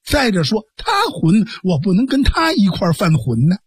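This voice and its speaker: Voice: mid-range voice, sing-song, moderate pace, husky, no echo, studio quality. A storyteller voicing a feisty teenage girl skilled in fighting, scolding her younger brother. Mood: worried. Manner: sharp, scolding. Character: feisty young woman martial artist, scolding.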